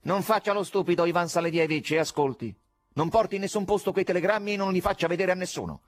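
A man's voice: sits high, quick pace, no room sound, clean studio sound, soft background music, voice pushed up, close to an everyday voice. A man voicing a sinister, repulsive male caller with a nasal voice who mocks and threatens, in an audiobook. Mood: menacing. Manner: mocking, threatening.

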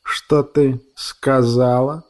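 A man voicing an emotional old woman, gruff by reputation but soft and tender, speaking quietly and fondly. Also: a little high, slow. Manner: soft, tearful, fond.

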